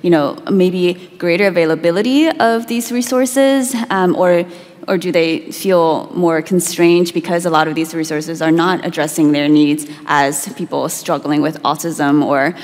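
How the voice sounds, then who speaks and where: A woman with a very low voice poses a question on a conference panel. She hedges and qualifies as she goes. Her voice rings with the long reverb of a large hall. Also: measured pace, darkish tone. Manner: tentative, hedging.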